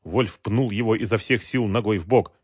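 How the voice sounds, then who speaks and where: A man reading a crime novel aloud in measured scripted narration. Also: fairly low pitch, breathy edge, no room sound, studio quality. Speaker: audiobook narrator.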